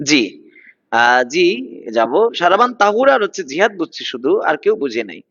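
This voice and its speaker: With a sing-song, slightly high, somewhat bright voice at a moderate pace, a Bangladeshi man in his thirties leads an online class. He coaxes students along and repeats his words, all captured in dull lo-fi audio.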